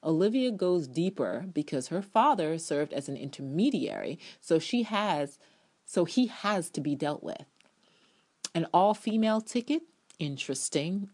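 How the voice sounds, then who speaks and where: Reading her own TV review aloud with dramatic flair, the woman speaks in a deep, animated, slightly mellow voice at a moderate pace. She is emphatic and opinionated, lingering on key words and adding offhand remarks along the way.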